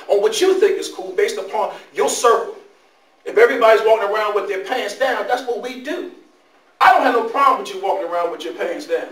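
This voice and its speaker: A man in his forties giving an animated, preachy motivational talk to young people in a school room. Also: very high voice. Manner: animated and preachy, breaks into loud street-slang impressions. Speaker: motivational speaker. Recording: echoey room, voice from a distance.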